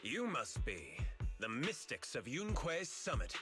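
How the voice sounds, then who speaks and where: Smug, highly expressive corporate villain. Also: male voice, unhurried. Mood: formal, smooth. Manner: formal, polished, veiled threats. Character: smug, oily corporate executive, suave middle-aged villain. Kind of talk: video game voice acting. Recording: loud music behind the voice.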